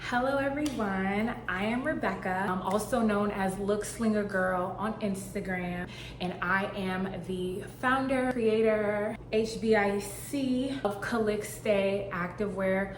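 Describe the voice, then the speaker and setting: A young Boston woman who founded a fashion brand talks to the camera in a casual, playful vlog style, with lots of filler words. Her mid-range voice moves slowly, and the echoey room carries faint ambience plus a little hiss or hum.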